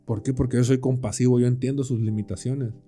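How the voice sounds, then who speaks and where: Mellow-voiced man. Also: mid-range voice, steady tone, fast, soft background music. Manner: explains with everyday examples and rhetorical questions; slangy, conversational. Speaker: podcast co-host. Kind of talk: casual Bible study chat.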